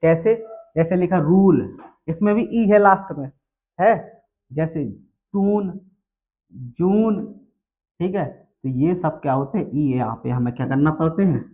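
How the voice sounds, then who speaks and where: Male English teacher, high voice, quizzes then answers his own questions. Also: lively intonation, measured pace, pauses often, dark tone, dull audio. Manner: asks questions and answers them himself. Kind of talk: classroom lesson on pronunciation.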